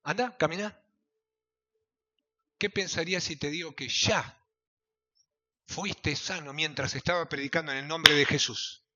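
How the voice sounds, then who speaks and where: Fiery Argentine pastor preaching loudly. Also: male voice, fairly even intonation, normal speed. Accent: Rioplatense Spanish. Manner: swings from shouting to low intense murmurs. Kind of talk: fiery evangelical sermon. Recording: dull lo-fi sound.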